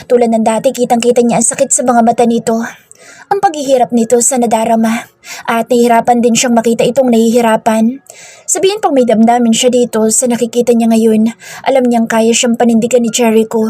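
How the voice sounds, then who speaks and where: A woman narrating a romance story in a steady, scripted storytelling read. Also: on the high side, brisk, no echo. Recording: dry with faint background music.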